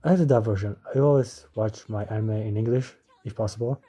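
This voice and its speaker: A man's voice: on the low side, brisk, mellow, slightly rough. A man narrating a scripted review as an anime reviewer.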